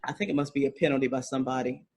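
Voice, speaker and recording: A man co-hosting a casual sports podcast, chatty and quick to laugh, often restarting his sentences. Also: medium pitch, steady tone, a little mellow, low-quality recording. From American South. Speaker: podcast co-host.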